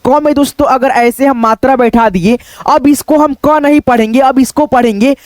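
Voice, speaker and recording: A man's voice: very high voice, steady tone, moderate pace, no echo. A man teaching an online Hindi writing lesson, patiently explaining step by step and drawing out the vowel sounds.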